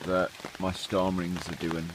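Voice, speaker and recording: A man's voice: deep voice, monotone, a little slow. A man chatting casually and informally to camera as a camping vlogger, in an understated, rambling way. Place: outdoors in wet woodland. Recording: rain pattering, clear background noise.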